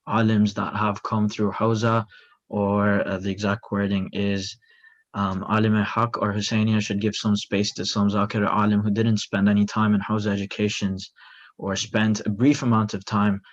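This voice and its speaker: A man moderating a session, reading audience questions aloud in a hesitant way with many fillers. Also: on the low side. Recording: dull lo-fi audio.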